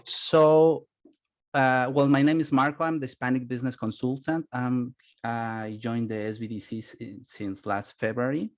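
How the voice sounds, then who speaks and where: In an informal webinar, a Spanish-accented man who speaks Spanish natively presents as a business consultant. His medium-pitched voice has fairly even intonation. His English is halting as he hunts for the right words.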